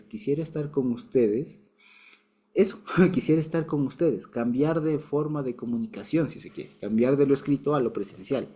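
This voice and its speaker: Male Bible teacher, mellow tone, patient and chatty. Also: mid-range voice. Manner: explains patiently, with frequent restarts and light chuckles. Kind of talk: casual Bible lesson.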